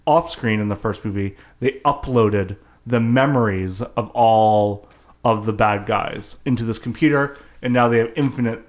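A man casually recapping a movie plot for his co-hosts, jokey and animated, acting out characters' lines and swearing freely. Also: on the low side, moderate pace. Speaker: podcast co-host recapping a film. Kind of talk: casual comedic chat.

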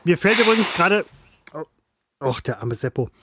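A man's voice: a little high, very animated, normal speed, background noise. A man co-hosting a podcast, chatty, rambling and playful. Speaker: podcast co-host. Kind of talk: casual podcast banter.

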